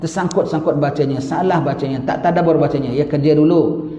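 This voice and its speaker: A religious teacher with a Malaysian accent reads from a book during a lecture, then explains it with asides and rhetorical questions. His voice is on the high side, brisk and mellow, captured in a dull lo-fi recording in an echoey hall.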